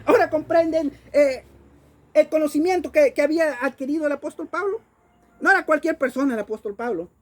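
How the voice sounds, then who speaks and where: High-voiced Mexican woman preaching a sermon. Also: a little fast. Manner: emphatic, repeats words while searching for them.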